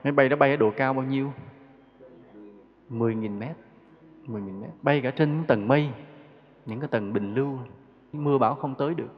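A man's voice: medium pitch, fairly quick, long pauses. A man giving a conversational Buddhist dharma talk, asking rhetorical questions and chuckling now and then. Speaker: Buddhist teacher. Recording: dull lo-fi recording with long hall reverb.

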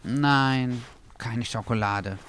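A man voicing a prim, sharp male dachshund in a storybook reading, with a raised, eager, lecturing manner. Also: mid-range voice, extremely slow, a little hiss or hum, pitched above the performer's own voice. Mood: explaining.

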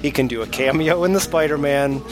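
A man's voice: a little high, a little fast, over music. A man co-hosting a podcast, chatty and laughing often, slipping into playful impressions. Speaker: podcast co-host. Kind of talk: casual film chat.

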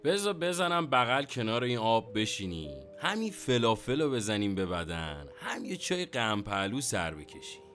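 An actor playing a chatty, complaining, nostalgic middle-aged taxi driver with a Tehrani accent and colloquial street slang. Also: male voice, lowish voice, big pitch swings, hardly any pauses, music in the background. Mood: wistful, animated.

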